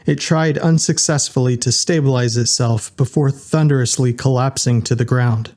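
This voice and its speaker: A man reading an audiobook in a steady, unhurried narration. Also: medium pitch. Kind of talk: scripted narration.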